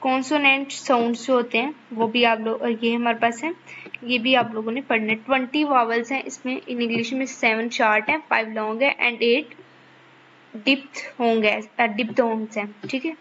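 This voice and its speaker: A woman's voice: on the high side, steady tone, normal speed, a bit bright, muffled recording, slight background noise. A woman teacher, explaining a lesson to students and checking in with them again and again. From Pakistan. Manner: keeps checking in with the class, repeats points patiently. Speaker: online course teacher.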